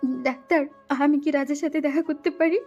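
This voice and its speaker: A woman's voice: sits high, steady tone, moderate pace, darkish tone, highs cut off, faint music behind. A woman voicing a desperate young wife who pleads and stammers through tears in an audio story drama. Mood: pleading.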